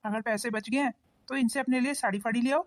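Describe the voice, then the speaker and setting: A woman voicing a husband in a cartoon, talking in a quick, lecturing manner. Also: on the high side, fairly even intonation, lightly acted. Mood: warm. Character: husband, a grown son of the family.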